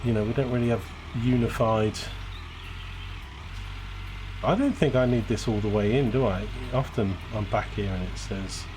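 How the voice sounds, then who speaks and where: A British gaming channel host casually narrates his gameplay, thinking out loud and correcting himself along the way. He speaks at a moderate pace in a lowish voice, with game engine and truck sounds clearly audible behind him.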